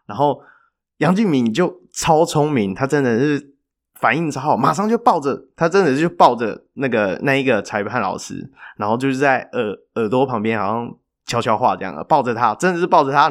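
A man, co-hosting a podcast and telling a story in a chatty, animated way with filler pauses. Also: mid-range voice. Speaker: podcast co-host. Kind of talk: casual storytelling chat.

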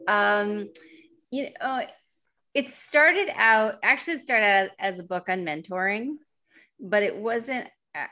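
A woman's voice: medium pitch, lively intonation, takes it slowly, bright, forceful tone. A woman author being interviewed, answering casually with hesitant, filler-heavy replies. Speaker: author and guest.

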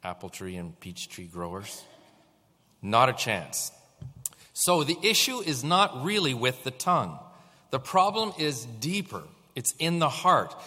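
In a church sanctuary, a man with a medium-pitched, sharp-toned voice preaches a sermon as pastor, posing rhetorical questions to the congregation. The recording carries the long reverb of a church hall.

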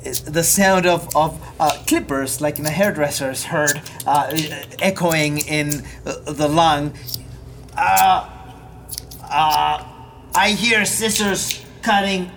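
A man narrating as game master of a tabletop game, halting and full of fillers. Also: fairly high pitch, creaky, a bit bright, slight background noise. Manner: halting, many fillers and restarts.

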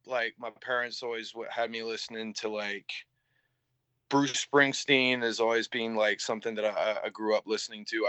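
A young band vocalist with a blend of English and Canadian accents chats haltingly as an interview guest, dropping fillers and casual swear words. His voice is medium-pitched and fairly bright, clean with no echo, though the lo-fi audio is slightly dull.

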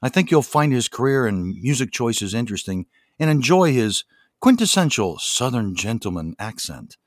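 Lively male podcast host, dry recording. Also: medium pitch, normal speed, no echo. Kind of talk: scripted podcast intro and interviewing.

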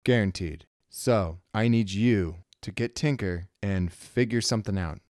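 Brief: a man playing a weary starship captain, tense and commanding, clear and dry. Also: fairly low pitch, unhurried, darkish tone, dry recording, natural voice.

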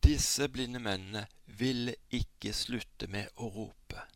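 Radio preacher, male, gravelly earnest voice, dry close studio sound, pleading prayers. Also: mid-range voice, a bit bright, no echo.

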